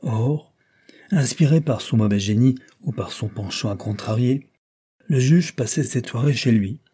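A man narrating a classic novel as an audiobook reader, in a measured storytelling manner. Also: medium pitch, warm tone, husky. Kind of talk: scripted narration.

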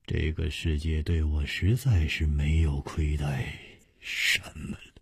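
Male storyteller doing a carefree witty swordsman, low, relaxed, unhurried delivery. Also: breathy edge, no echo, studio quality, exaggerated voice. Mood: amused, easygoing. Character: carefree, witty young male hero, laughing.

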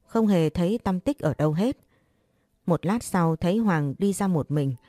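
Woman narrator for a scripted story, warm mellow tone, steady even delivery. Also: lowish voice, moderate pace, no echo, clean studio sound.

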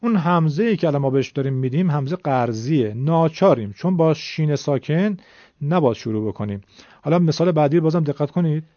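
A man leads a recitation class, explaining each point patiently and politely, one step at a time. His voice sits a little high, with a mellow, dark tone. The recording is dull and lo-fi, and the sound is dry. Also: expressive, no echo. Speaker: Quran recitation teacher.

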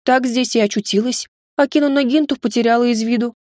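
A woman's voice: fairly high pitch, brisk, a little mellow, no echo, studio quality, natural voice. Woman doing a coy, purring servant girl.

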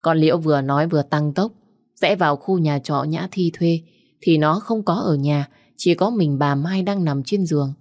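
A woman's voice: low voice, moderate pace, darkish tone, dry recording, studio quality. A woman narrating a family drama story steadily. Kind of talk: story narration with acted dialogue.

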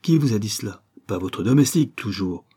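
A man's voice: on the low side, expressive, a little fast, warm tone, slightly rough. A man voicing a reserved young son, recovering from a wound, who speaks in an evasive, pleading way in a storybook reading.

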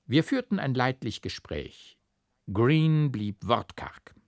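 A man reading a classic literary tale as an audiobook, with expressive, rhythmic storytelling. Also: medium pitch, takes it slowly, no echo, studio quality. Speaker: audiobook reader.

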